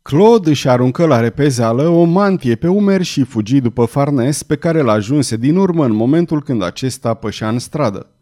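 A man narrating a novel as an audiobook in a measured, dramatic storytelling manner. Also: mid-range voice, lively intonation, warm tone.

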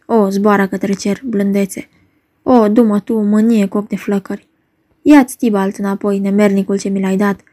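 A woman's voice: medium pitch, warm tone, close to an everyday voice. A woman reading the part of a grieving, vengeful young nobleman in a dramatic play reading.

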